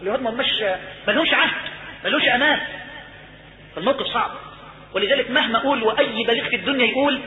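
A man's voice: very high-pitched, very fast, long pauses, a little hiss or hum. A man with an Egyptian Arabic accent preaching a colloquial sermon with emphatic, storytelling delivery. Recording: echoey hall over a tinny phone-like line.

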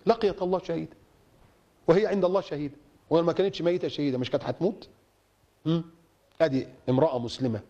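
A man's voice: a little high, a little mellow, slightly rough. A man preaching an impassioned sermon in an Egyptian Arabic accent, emphatic and rhetorical, repeating phrases for stress.

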